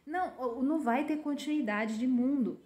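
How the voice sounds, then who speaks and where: Brazilian woman, informal prophetic preacher, chatty, slightly high voice. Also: normal speed, a little mellow, echoey room. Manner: chatty, keeps adding "né?", often laughs. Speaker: religious preacher. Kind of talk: informal prophetic sermon to online followers.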